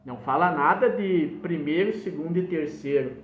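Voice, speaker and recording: A man's voice: fairly high pitch, normal speed, echoey room, lo-fi sound, a little hiss or hum. A male pastor, preaching emphatically and quoting scripture verse by verse. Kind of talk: sermon.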